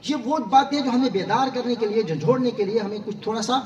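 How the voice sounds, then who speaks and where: A man's voice: very high voice, highs cut off. A man preaching a sermon to a gathering, questioning his listeners and pressing his points. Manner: rhetorical, quizzes the audience. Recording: roomy, far-off mic, crowd.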